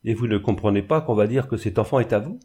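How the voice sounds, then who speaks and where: A man's voice: fairly low pitch, quick pace, mellow, husky. A man reading the part of a harsh, severe old spinster seamstress in an audiobook. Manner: severe, accusing.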